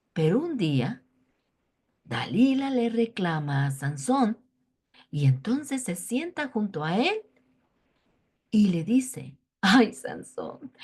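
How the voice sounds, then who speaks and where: A woman with a Mexican Spanish accent tells a Bible story to children, expressive and animated, now and then dropping to a whisper. Her pitch swings widely, her pace is slow, and her voice is breathy.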